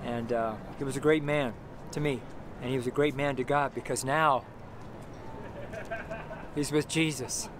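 Preaching on a city sidewalk by a brick wall, a middle-aged street preacher speaks to a close handheld camera in a medium-pitched, fairly even voice, unhurried and with long pauses. His informal sermon rambles, repeating itself amid fillers and restarts, over noisy street traffic.

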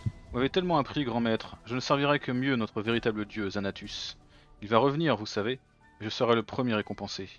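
A man's voice: medium pitch, fairly quick, lo-fi sound, close to an everyday voice. A man voices a bookish young cultist traitor from a fantasy game. He is polite yet smug in his devotion, with faint music behind him.

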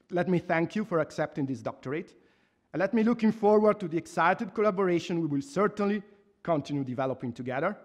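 A professor from Italy in his thirties, with an Italian accent and a voice that sits high, earnestly reads a formal laudation from notes at a university hall lectern. His measured speech into the stand microphone has restarts and emphatic pauses.

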